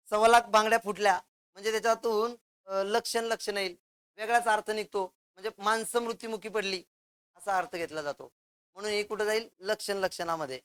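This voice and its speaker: Clear-voiced man quizzing a grammar class. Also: sits high, fairly bright tone. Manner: quizzes the class with quick questions and answers them himself; explains step by step with examples. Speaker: teacher.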